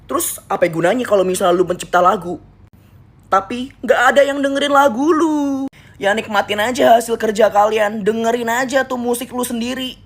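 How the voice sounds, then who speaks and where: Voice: medium pitch, brisk. Someone ranting, defiant and taunting. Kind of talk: casual rant.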